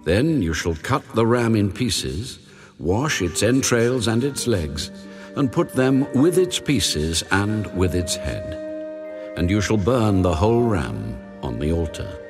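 An actor playing God as a solemn, commanding male deity, giving sacred instructions deliberately in a dramatized audio Bible. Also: on the low side, sing-song, full character voice. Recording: long reverb over background music. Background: music.

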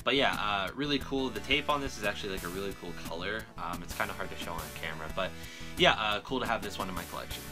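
Talking quickly in a fairly low voice with music in the background, a young man shows off his music collection on camera. It's an informal show-and-tell vlog from a small room at home, with plenty of swearing.

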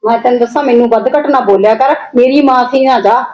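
A woman playing a sharp-tongued nagging wife. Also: a little high, quick pace, reverberant, muffled recording, natural voice. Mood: scolding. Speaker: headman's wife. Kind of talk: amateur short film acting.

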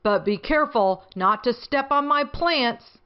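Woman as elderly male storybook pig, jolly, exclamatory, swooping intonation, unhurried. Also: a little high, lively intonation, clear, resonant tone, lo-fi sound. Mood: cheerful. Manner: cheerful, exclamatory, addressing children. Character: jovial old male Grandpa Pig, cartoon storybook pig. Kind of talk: storybook character reading for children.

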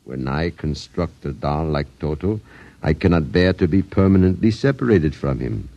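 An actor playing an old dollmaker who speaks in a formal, flowery way. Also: male voice, rumbling low, lively intonation, moderate pace, warm tone. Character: old Italian dollmaker, courtly and sly. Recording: dull 1950s radio recording.

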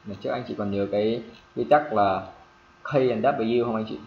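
A man teaching English pronunciation to a class, repeating examples and checking often whether students follow. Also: normal speed. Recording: echoey room, dull low-fi sound, faint hiss.

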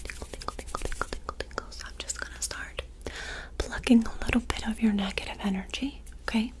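A young adult woman in a whispered role-play as a reiki healer, speaking breathily and close to the microphone in fast, insistent ASMR with commanding, rapidly repeated words. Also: a little high, steady tone. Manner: commanding, directing the listener to focus. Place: small dark room indoors. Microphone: close desk microphone.

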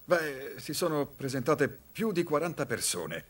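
A man's voice: a little high, sing-song, a little slow, a loud crowd. An actor dubbing an earnest, shy middle-aged male soda clerk into Italian, telling a long story in a rambling, eager manner. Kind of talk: dubbed film dialogue.

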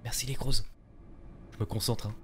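A man streaming a game live, talking to himself as he searches and thanking viewers, sometimes calling out loudly into his microphone. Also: mid-range voice, steady tone, normal speed, noisy background. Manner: calls out loudly at the game through the mic. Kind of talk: casual live gameplay commentary.

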